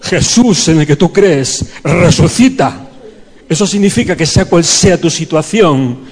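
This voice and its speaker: A man's voice: a little high, animated, measured pace. A man leading a fervent prayer and sermon in a church, pleading and calling on the congregation. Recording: long hall reverb.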